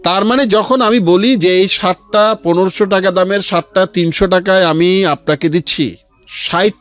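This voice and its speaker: Speaking with a high-pitched, fairly bright voice at a moderate pace, a Bangladeshi-accented man is interviewed on radio about the charity resale platform he founded. He explains things earnestly, like a story, slipping English phrases in as he goes.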